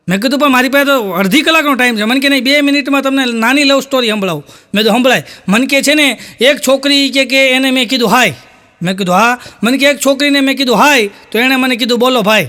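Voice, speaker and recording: A folk comedian with a Kathiawadi Gujarati accent does stand-up on stage, his very high voice bright and forceful. He fires off quick anecdotes, marks quotes with repeated tags, and keeps circling back to a catchphrase.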